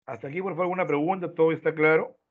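A man's voice: on the high side, fairly even intonation, racing. Man, teacher, step-by-step explanations, lo-fi phone-line sound. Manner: explains step by step, tags lines with "¿no?". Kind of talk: online class lecture. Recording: tinny phone-like online audio.

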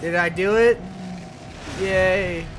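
A man doing let's play commentary, loud and brash with profane trash talk at the enemies. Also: high-pitched, steady tone, slow, noisy background. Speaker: gamer. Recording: commentary over game music.

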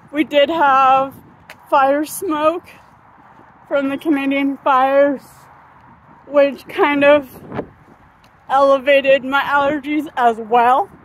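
Holding her phone at arm's length, a high-voiced vlogger in her thirties chats through a casual walking vlog in a sunny park. Her slow, wandering talk is dotted with ums, uhs, and hiccups. The audio is poor, with a little hiss or hum.

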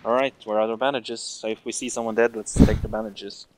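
Excitable man gaming, gunfire behind. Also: on the low side, brisk, a little hiss or hum, rough recording. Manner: excitable, swearing. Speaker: video game player. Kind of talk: casual in-game team chatter during military shooter. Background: game gunfire.

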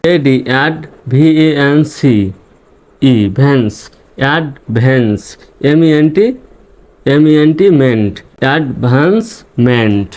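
A man teaching English reading, spelling words letter by letter and sounding out each syllable slowly. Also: mid-range voice, darkish tone. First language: Bengali. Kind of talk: spelling-out pronunciation lesson.

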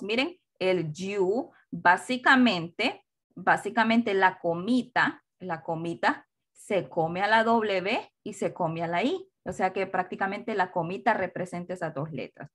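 A woman teacher gives a recorded lesson at a slow, unhurried pace. She explains patiently and drills every form over and over. Her voice sits at a middle pitch. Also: a bit bright. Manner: slow, repetitive drilling of pronunciation; explains patiently, switching between two languages. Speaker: English teacher.

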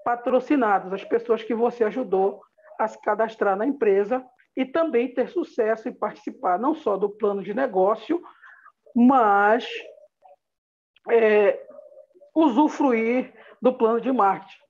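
Over a video call, a woman with a Brazilian accent delivers an upbeat, motivational business presentation straight to her listeners. Her voice sits on the high side and moves a little slowly, through dull, lo-fi call audio.

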